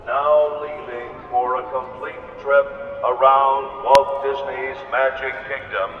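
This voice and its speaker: A man's voice comes over a PA system, giving a formal station announcement at a slow, deliberate pace. It sounds tinny and phone-like, with a long hall-like echo from a loudspeaker far off. Loud outdoor noise sits underneath. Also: mid-range voice, little pitch movement, music in the background. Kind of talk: formal recorded train announcement. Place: outdoor railway station platform.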